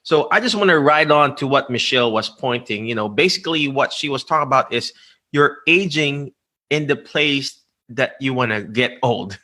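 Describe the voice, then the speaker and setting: A Filipino man with a Filipino accent hosts a live-stream interview in a bright, forceful, medium-pitched voice with lively intonation at normal speed. He repeats words and fires off emphatic rhetorical questions.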